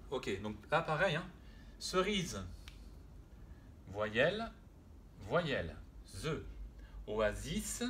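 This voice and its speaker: A man giving a French spelling lesson at a very slow, deliberate pace, repeating each word and sound aloud. He talks patiently and hesitates with frequent fillers. A faint ambient hiss sits behind his voice. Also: on the low side, fairly bright tone. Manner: hesitant, with frequent "euh" and self-corrections. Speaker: French teacher.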